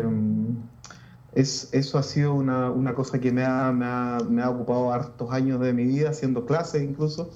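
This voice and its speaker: A Chilean man, a Lutheran pastor, talking reflectively in a casual interview with many restarts and pauses. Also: mid-range voice, mellow, echoey room, muffled recording.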